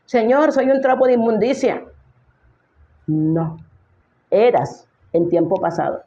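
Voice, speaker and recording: A woman's voice: fairly low pitch, lo-fi sound. A woman pastor preaching a sermon emphatically, speaking directly to her listeners and asking them rhetorical questions.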